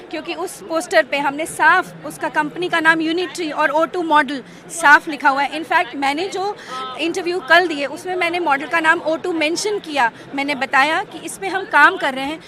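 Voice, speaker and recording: A woman professor answering reporters earnestly and defensively, slipping into English phrases. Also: very high-pitched. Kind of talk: press statement to reporters. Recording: loud crowd behind.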